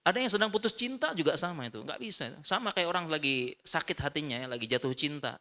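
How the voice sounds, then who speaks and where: Guy preaching at a mosque, bright voice, keeps hammering short "no" lines at the crowd. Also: fairly high pitch, fast. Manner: animated, repeats short refusals, addresses the congregation. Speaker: Islamic preacher. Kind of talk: mosque lecture with Q&A.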